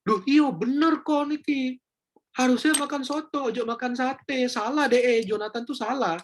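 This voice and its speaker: A man's voice: extremely high pitch, steady tone, normal speed, a little hiss or hum, voice pushed up. A man voicing a gossiping friend who badmouths other people in an exaggerated way. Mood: catty.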